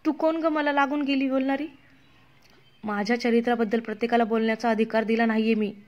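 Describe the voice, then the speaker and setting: A woman's voice: on the high side, little pitch movement, normal speed, darkish tone, natural voice. Hurt young woman, indignant, pleading, woman reader, slightly lo-fi recording.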